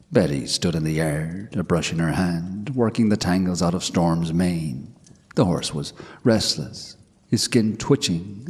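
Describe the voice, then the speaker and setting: A man narrating a scripted ghost story in a measured, hushed way. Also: low-pitched, slightly rough. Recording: long hall reverb.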